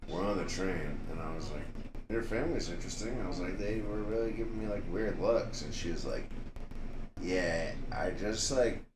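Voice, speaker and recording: Man, lowish voice, loose profane storyteller; roomy noisy recording. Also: normal speed. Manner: swearing, laughing storyteller. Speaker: podcast guest. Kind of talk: casual storytelling chat. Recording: roomy with background noise.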